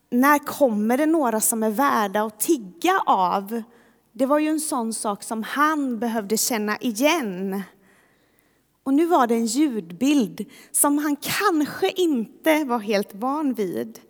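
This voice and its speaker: A woman preacher telling a story in a relaxed, conversational sermon. Her voice sits fairly high, and a long reverb carries through a large hall. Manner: conversational, vivid retelling.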